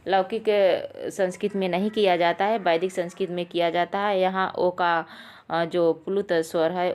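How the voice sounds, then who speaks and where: A woman's voice: mid-range voice, smooth. A woman teaching a Sanskrit exam lesson, patiently explaining and repeating key points while addressing viewers as friends.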